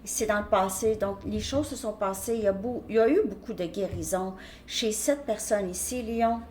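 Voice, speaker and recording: A woman's voice: medium pitch, normal speed, a little mellow, slight background noise. Hesitant woman reading tarot. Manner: hesitant, restarts often, checks in with "ok?". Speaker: tarot reader.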